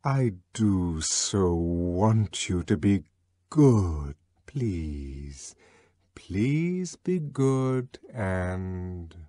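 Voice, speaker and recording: A man doing a soft, pleading machine voice. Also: low-pitched, very animated, very slow, no room sound, studio quality, voice pushed down, heavily acted. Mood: tenderly pleading. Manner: soft, hushed, sinking to a whisper. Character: tender, pleading synthetic loudspeaker voice.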